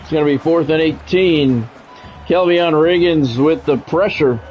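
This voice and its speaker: An American man with a voice on the high side talks a little slowly while calling a football video game live. He keeps to short, clipped radio-sportscaster phrases and casual chatter with his stream viewers. Background music plays under a dull lo-fi mic.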